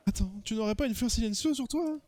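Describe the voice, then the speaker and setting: A man's voice: very high voice, fast, a little mellow, voice pushed up. A man voicing a shy, lovestruck young man who is nervous and dreamy, reading the game dialogue aloud with earnest sighs.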